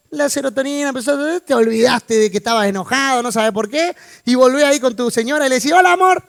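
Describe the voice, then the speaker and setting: Rioplatense male pastor, very high voice, chatty sermon with jokes, dry sound. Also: a bit bright, dry recording. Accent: Rioplatense Spanish. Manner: informal, asks the congregation questions, joking asides. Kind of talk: conversational sermon. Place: church.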